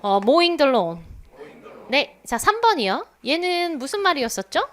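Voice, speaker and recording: Woman, classroom lecture, high voice, animated, slow drilled english phrases. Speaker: English test teacher. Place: lecture room at a language academy.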